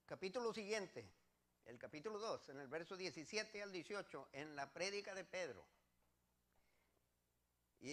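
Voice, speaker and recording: A man's voice: high-pitched, fairly bright tone. A man from Mexico, preaching a sermon as pastor and reading scripture verses with earnest repetition.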